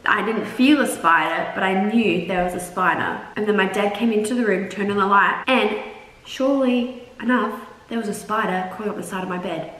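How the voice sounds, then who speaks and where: A young woman hosts a casual storytelling chat with an animated, dramatic delivery. Her voice is bright and forward. It comes through with strong room echo, a little away from the mic. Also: mid-range voice, fairly quick. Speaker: YouTube channel host. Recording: roomy echo, distant mic, noisy background.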